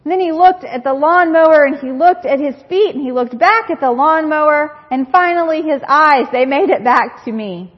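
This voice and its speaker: A woman's voice: high-pitched, lively intonation, moderate pace, hardly any pauses. A woman in her thirties preaching a sermon, telling personal stories in an earnest way. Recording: dull recording with long hall reverb.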